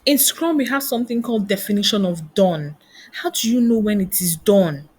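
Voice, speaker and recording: A woman's voice: medium pitch, expressive, moderate pace, a little mellow, slightly rough. A woman giving a motivational career lesson, firing off rhetorical questions. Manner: asks many rhetorical questions. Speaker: career coach and trainer. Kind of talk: motivational teaching talk.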